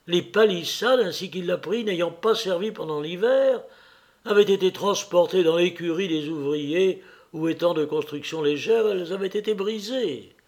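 A man giving a measured, scripted narration of a literary novel for an audiobook. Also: a little high. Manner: measured, even literary reading. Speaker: audiobook reader.

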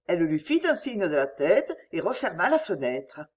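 A woman's voice: on the low side, very animated, moderate pace, darkish tone. A woman narrating a novel as an audiobook, reading expressively and voicing each character.

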